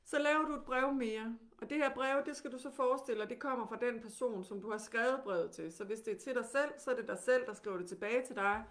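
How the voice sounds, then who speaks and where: A woman with a Danish accent teaching, who guides calmly and gently with many questions. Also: a little high, hardly any pauses.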